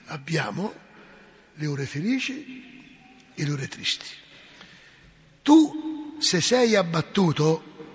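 A man's voice: high-pitched, vocal fry, breathy edge. A man, a parish priest giving an impassioned, scolding sermon with folksy asides. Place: church. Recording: long church reverb.

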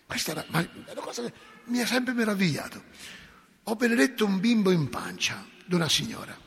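An older male priest delivers a sermon in a very husky, somewhat high voice. He tells his stories dramatically, sinking to hushed whispers and then bursting into loud exclamations. His words ring out with a long reverb, as if they fill a large church. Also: sing-song, brisk.

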